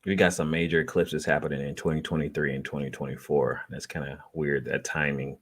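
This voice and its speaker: A man's voice: very deep voice, flat delivery, a little fast, fairly bright tone, slightly rough. A man giving a casual, off-the-cuff reaction as a vlogger, talking in a loose, slangy, rambling way.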